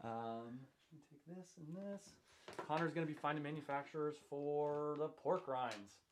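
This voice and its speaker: A man's voice: on the high side, normal speed, slight background noise. A man hosting a casual livestream, chatting loosely about manufacturing and plugging his course. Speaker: host.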